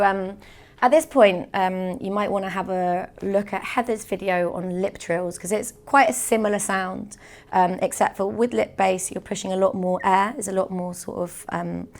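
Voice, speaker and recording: A young woman teaching a beatboxing technique, explaining step by step in a patient tutorial manner. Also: medium pitch. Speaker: beatbox instructor.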